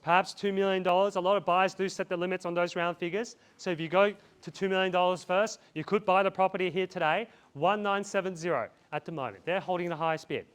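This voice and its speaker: A man's voice: sits high, steady tone, fast talker, hardly any pauses, fairly bright tone, smooth. A man calling a live property auction outdoors, repeating bid figures in a chant and urging buyers on. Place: outdoors in a residential street.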